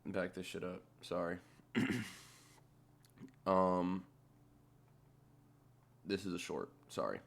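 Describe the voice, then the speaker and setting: A man giving casual screen-share commentary as a trader, thinking aloud in an offhand, muttering way with casual swearing. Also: deep voice. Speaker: trader narrating a chart replay.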